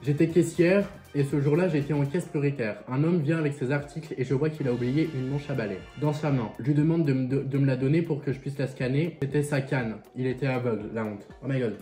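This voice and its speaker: A man's voice: medium pitch, a little fast, hardly any pauses, dark tone, soft background music. A young man with a French accent chatting casually and sassily while eating, swearing freely and talking with his mouth full. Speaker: vlogger reacting to viewer stories.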